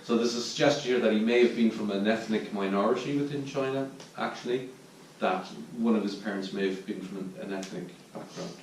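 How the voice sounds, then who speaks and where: A man's voice: brisk, few pauses. Irish man teaching in an echoey hall. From Ireland. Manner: reflective, searching for words, low-key. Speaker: Zen teacher giving a dharma talk. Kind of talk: dharma talk at a retreat. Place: meditation hall at a retreat centre. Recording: distant mic in a very echoey room with faint noise.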